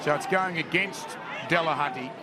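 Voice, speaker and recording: A man's voice: fairly high pitch, moderate pace. An Australian male commentator giving a running, descriptive play-by-play of live football. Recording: crowd and noise behind live commentary. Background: crowd at outdoor ground.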